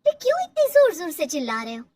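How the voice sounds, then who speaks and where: A woman's voice: wildly swooping pitch, quick pace, mellow, heavily acted. A woman voicing an anxious, defiant young mother and daughter-in-law who pleads in a raised, upset voice in a storybook tale. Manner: high-pitched, pleading, upset.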